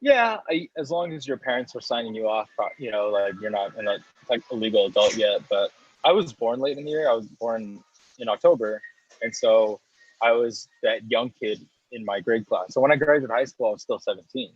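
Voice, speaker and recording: A coffee roaster and business owner from the United States, in his thirties, rambles through his story as a guest in a casual interview, restarting sentences and laughing a little. His medium-pitched voice is animated, fairly quick, and slightly rough, and the recording's highs are cut off.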